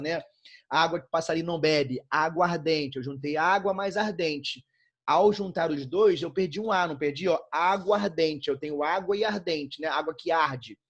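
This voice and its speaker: Brazilian male teacher, slightly high voice, relaxed lecture, keeps checking in with the class. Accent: Brazilian Portuguese. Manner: chatty, constant checks like "né?" and "show?". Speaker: Portuguese teacher.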